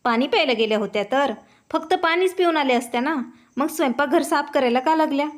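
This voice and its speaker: A woman voicing a harsh, sharp-tongued young wife who accuses loudly. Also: high voice, fast talker, natural voice. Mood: accusing. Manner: loud, accusing.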